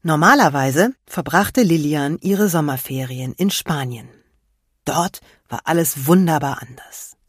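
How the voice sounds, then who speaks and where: A woman reading a children's story aloud in a lively, expressive way. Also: low voice, breathy edge, dry recording, clean studio sound.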